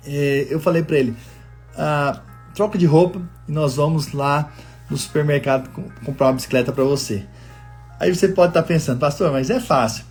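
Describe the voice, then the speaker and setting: Pastor guy preaching w a husky high voice, earnest storytelling, faint music under it. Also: darkish tone. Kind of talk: sermon. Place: living in the United States.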